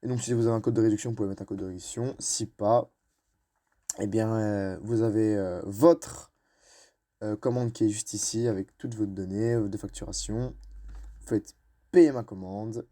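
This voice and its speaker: Hesitant young man, mellow voice. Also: lowish voice, steady tone, moderate pace. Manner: hesitant, many fillers and restarts. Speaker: YouTuber. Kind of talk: screen-recorded tutorial narration.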